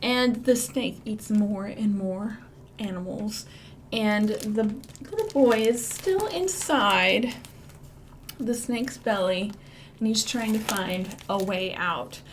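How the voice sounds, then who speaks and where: There's slight background noise as a woman with a mid-range voice and a Midwestern American accent speaks slowly. As a children's librarian, she leads storytime through songs and read-alouds, using a playful sing-song delivery and dramatic whispers.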